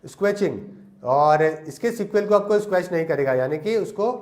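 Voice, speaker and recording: A man's voice: on the high side, lively intonation, moderate pace, a little mellow. A young man teaching English vocabulary in Hindi, giving memory tricks and asking questions he answers himself. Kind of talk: Hindi lesson on English words.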